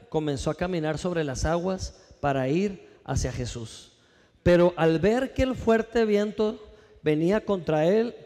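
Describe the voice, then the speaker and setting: In a church, a high-voiced male pastor preaches a sermon full of lively rhetorical questions, calling on the congregation to answer. His words trail off in a long reverb tail.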